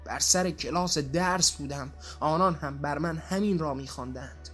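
A man giving a dramatic literary reading, intense and theatrical, moving between hushed and anguished passages. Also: a little high, soft background music. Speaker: reader.

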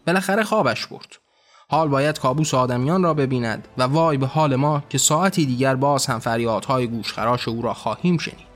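A man's voice: medium pitch, soft background music, close to an everyday voice. A man voicing a weary, mocking male angel who grumbles sarcastically in a storybook reading. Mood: grumbling.

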